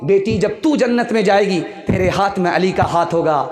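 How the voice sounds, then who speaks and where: A man preaching who speaks as a loving mother gently teaching her daughter, in a repeating, sermon-like cadence. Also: high voice, moderate pace, roomy sound, lightly acted. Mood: tender.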